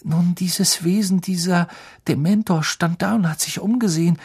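A man voicing a nervous, excited teenage wizard boy who blurts out a rushed, breathless retelling in an audiobook. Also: high-pitched, slightly rough, pitched above the performer's own voice. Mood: nervous, agitated.

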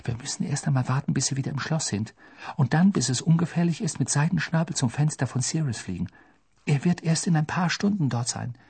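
A man's voice: a little high, fairly quick, creaky, a little mellow, breathy edge, dry recording, pitched above the performer's own voice, full character voice. Hermine, a man doing an anxious teenage girl. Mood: nervous. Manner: urgent, breathless. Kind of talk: audiobook character voice.

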